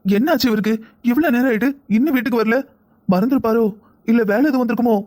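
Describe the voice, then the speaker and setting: A man's voice: very high-pitched, a little mellow. A man voicing a worried, reproachful young wife in a cartoon, speaking with a southern Tamil accent. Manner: pleading, scolding, quick. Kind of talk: cartoon voice acting.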